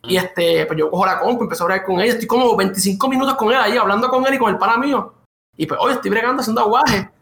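Bright-voiced man telling a story. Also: high voice, rapid-fire, vocal fry. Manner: animated, swearing, laughing narration. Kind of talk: casual storytelling. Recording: echoey room.

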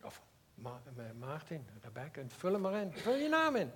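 A man with a Limburg Dutch accent preaching a sermon, earnest and personal, swinging between loud emphasis and quiet asides. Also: fairly high pitch, huge pitch swings, normal speed, slight background noise.

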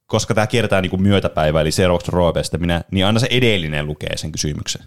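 A man hosting a podcast, chatting playfully and joking with friends around a board game. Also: deep voice. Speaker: podcast host. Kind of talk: casual chat.

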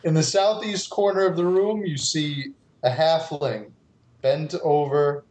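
A man's voice: on the high side, fairly even intonation, measured pace, darkish tone. A man casually narrating a tabletop game as game master.

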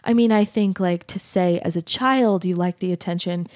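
A woman interviews an artist in an easygoing chat, her voice dark and mellow. She speaks gently and hesitantly, often pausing on fillers. The recording is dry and close. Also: on the low side, no echo. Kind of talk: conversational interview.

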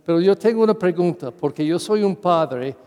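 Priest w english accent, mellow high-ish voice, asks the pews questions. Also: male voice, lively intonation, big-room sound. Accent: English-speaking. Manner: halting, questions to the congregation. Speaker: parish priest. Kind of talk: sermon.

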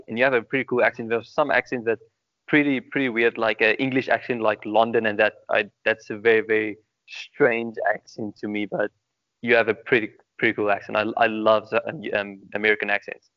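A young man with a South African accent answers interview questions in an earnest, rambling way, leaning on ums and repeated words. His voice sits a bit low. The recording is dry and dull. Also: little pitch movement, a little fast, no room sound. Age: young adult. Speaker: guest. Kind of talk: casual interview.

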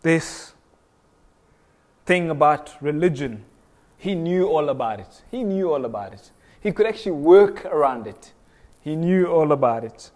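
Young male preacher from Kenya, earnest sermon delivery, repeats lines for emphasis, voice a touch high. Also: a little mellow. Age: young adult. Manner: earnest, repeats phrases for emphasis, frequent restarts.

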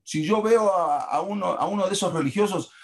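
A man's voice: high voice, fairly quick, pitched above the performer's own voice. A man voicing a bitter, unlearned grown man who mocks scholars in a scornful tone. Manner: mocking, scornful.

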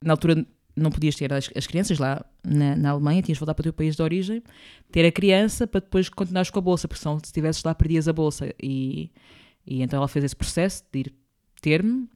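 A young woman from Angola with a deep, warm voice speaks as a guest in a reflective interview. She's thoughtful, often circling back and tacking on small tag questions.

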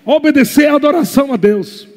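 A Brazilian man preaching a fervent sermon as pastor, moving between quiet asides and shouted exhortations. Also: very high-pitched, a little fast, long reverb tail. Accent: Brazilian Portuguese.

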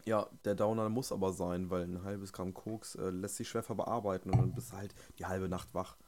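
A man's voice: low voice, level tone, a little mellow. A man, joking around in crude, slangy casual banter as a podcast co-host. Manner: slangy, joking, drawn-out delivery.

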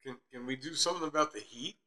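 A man's voice: mid-range voice, fast talker, bright, forceful tone. A man chatting casually as a podcast co-host, with a laid-back stoner manner and short replies. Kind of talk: casual chat.

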